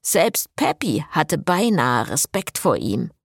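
Woman doing a gruff sarcastic vampire man. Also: low voice, sing-song, slow, no room sound, clean studio sound, exaggerated voice. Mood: grumpy. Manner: gruff, mocking. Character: grumpy sarcastic male vampire, tired.

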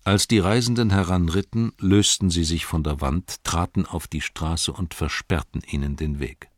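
A man narrates an audiobook in a very low, deep voice, reading steadily and evenly. The recording is dry and close, with no room sound. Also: steady tone, normal speed, no echo.

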